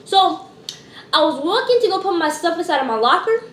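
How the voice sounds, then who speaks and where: A woman tells a casual storytime in an animated, slangy manner, her voice high and swinging widely up and down. She sounds like she is in an echoey room, with faint noise underneath. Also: brisk. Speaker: vlogger telling a school story.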